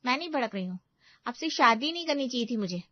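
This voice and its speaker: A shrill, sulky young bride in a cartoon story, played by a woman, her high voice snapping into petulant complaints. The sound is dry and dull, like a lo-fi studio take. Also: lively intonation, fast, dry recording. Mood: sulky, angry. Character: sulky young bride, quick-tempered and tearful.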